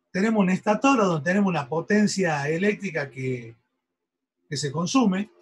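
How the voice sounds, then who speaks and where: A male university lecturer teaches an engineering class. His voice sits high for a man and has a husky edge. He explains step by step and often pauses to check that the students are following. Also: poor audio. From Argentina.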